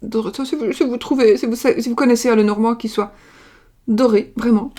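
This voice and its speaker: Laying out cards on a casual livestream, a middle-aged woman from France talks briskly in a steady, somewhat high voice that is mellow and soft rather than sharp. She rambles and circles back, tripping over words with plenty of fillers and restarts, all through a webcam or desk mic like a video call.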